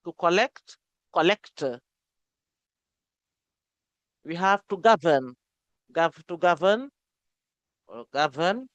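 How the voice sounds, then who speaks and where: A woman teaching an English grammar lesson, who repeats each word slowly and keeps saying okay. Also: on the low side, lively intonation, no echo, muffled recording.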